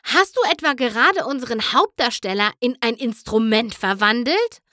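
A woman's voice: on the high side, expressive, moderate pace, sharp tone, no echo, clean studio sound. Twilight Sparkle, a woman doing a stern exasperated pony. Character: exasperated young female pony leader.

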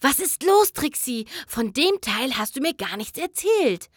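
A woman voicing a caring young female pony who talks in an anxious, gentle way. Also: on the high side, sing-song, slow pace, no echo, studio quality.

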